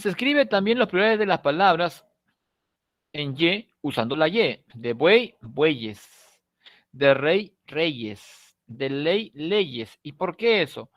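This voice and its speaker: A Peruvian man with a somewhat high voice gives a recorded lesson, explaining patiently and checking in after nearly every point. He draws out key words and lets his phrases fade at the end. The sound is dry and close. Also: expressive, no room sound. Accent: Peruvian Spanish. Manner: explanatory, checks in with frequent tag questions; stretches key words slowly, trails off softly at phrase ends. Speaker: teacher. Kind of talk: recorded online class lecture.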